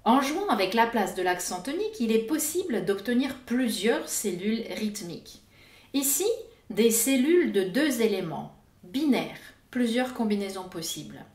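Woman, higher voice, animated lively pitch, scripted lesson narration, echoey room. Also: normal speed. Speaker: educational video host.

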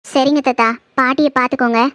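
A woman's voice: sits high, steady tone, fast, fairly bright tone, dry recording. A woman voicing a kind, curious young woman in a cartoon, talking earnestly. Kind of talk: cartoon voice acting.

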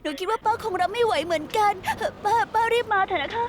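A woman's voice: extremely high pitch, rapid-fire, warm tone. An actress dubbing a frightened young girl in a TV drama, tearfully pleading. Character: frightened young girl begging her aunt for help. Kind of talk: Thai dub of a TV drama.

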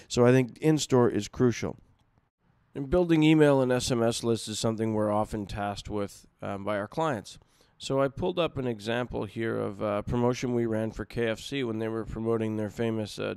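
A man's voice: lowish voice, a little mellow, clear, resonant tone, dry recording, clean studio sound. A man presenting a marketing webinar in a conversational, loose way, with many ums and restarts. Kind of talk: unscripted webinar talk.

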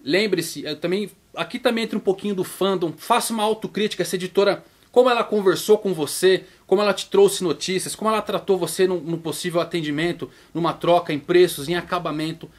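A Brazilian man with a Brazilian Portuguese accent, hosting his manga vlog in a chatty, casual way and playing out viewers' questions in a higher voice. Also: steady tone, fast, hardly any pauses. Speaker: YouTube manga channel host.

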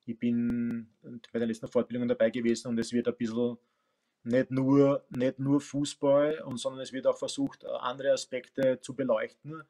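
A man's voice: mid-range voice, little pitch movement, moderate pace, mellow. A man in his forties with an Austrian accent, a coach and teacher, talking thoughtfully on a video call from his home, with many fillers and restarts. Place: home room with bookshelves. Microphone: webcam on video call.

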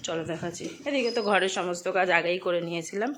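A woman's voice: fairly low pitch, background noise. A young woman narrating her cooking and housework to viewers in a casual, chatty way, recorded at home on a phone. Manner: chatty, talks straight to viewers with quick asides. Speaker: homemaker vlogger. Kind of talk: casual cooking and chores vlog. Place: home kitchen.

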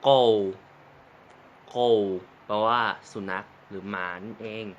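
Young male vlogger-teacher, crisp bright tone, repeats each word loudly, light background noise. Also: fairly low pitch, steady tone, fairly quick. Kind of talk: casual vocabulary lesson.

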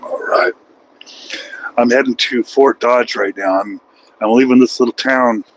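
A man's voice: medium pitch, steady tone, measured pace, poor audio. Rambling American trucker in his forties. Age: 40s. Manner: rambling, self-mocking, joking. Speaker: truck driver vlogger. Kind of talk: casual vlog monologue while driving. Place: truck cab at night on the road. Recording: faint road and engine noise.

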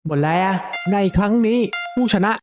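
An excitable young gaming video creator with a highish voice talks through a video game at normal speed, loose and casual, full of jokes and exclamations. Faint game music plays quietly underneath.

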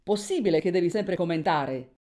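A woman's voice: on the low side, normal speed, very noisy, close to an everyday voice. A woman playing a strict but fond female French teacher who gives firm instructions, in an Italian film dub.

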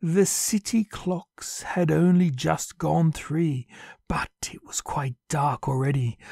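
A man's voice: fairly high pitch, vocal fry, dark tone, dry recording, clean studio sound. A man narrating a classic story in a theatrical manner, savoring each word. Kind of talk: dramatic audiobook narration.

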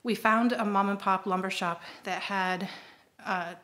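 A woman's voice: medium pitch, fairly even intonation, a little slow, fairly bright tone. A middle-aged woman chatting casually through a home renovation update, pointing things out with frequent ums, filmed on a handheld phone in a kitchen. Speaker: homestead vlogger. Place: kitchen under renovation, indoors. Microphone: handheld phone camera at arm's length.

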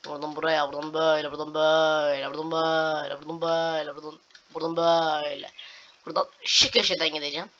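A man's voice: on the high side, little pitch movement, fast talker, fairly bright tone. A young man giving casual gameplay commentary, narrating each move to viewers and swearing at glitches. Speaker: gaming video host. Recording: dull lo-fi home recording with clear noise.

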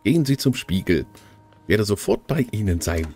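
A man voicing a polite, reserved tailor in a game, with formal, measured speech. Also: lowish voice, sing-song, darkish tone, faint music behind. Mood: courteous. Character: polite middle-aged tailor, courteous and reserved.

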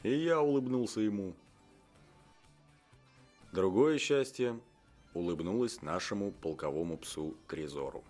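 A deadpan soldier played by a male actor narrates a comic army film with mock solemnity. His voice sits low, and music plays faintly behind him. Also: a little slow, pauses often, close to an everyday voice. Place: studio voice-over.

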